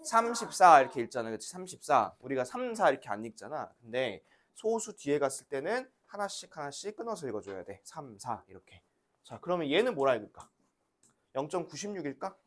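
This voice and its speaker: A woman's voice: low-pitched, big pitch swings, a little fast. A woman teaching a math lesson to young children in a classroom, patiently asking questions and having the class repeat after her. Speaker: elementary school teacher.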